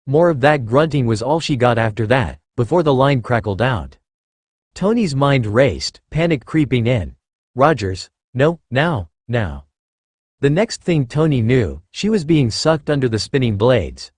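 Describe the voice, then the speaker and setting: A man reading a fan-fiction story aloud as narrator, in an animated storytelling way. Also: medium pitch, moderate pace, no echo.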